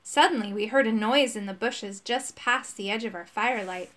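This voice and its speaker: A woman narrating a children's storybook aloud, with dramatic, expressive delivery. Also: on the high side, normal speed. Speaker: audiobook narrator.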